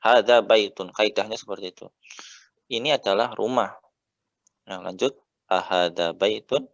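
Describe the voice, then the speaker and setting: An Indonesian man teaching Arabic patiently, often saying "ya" and drawing out the vowel endings slowly. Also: on the low side, gravelly, a bit bright, no room sound, muffled recording. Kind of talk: relaxed teaching.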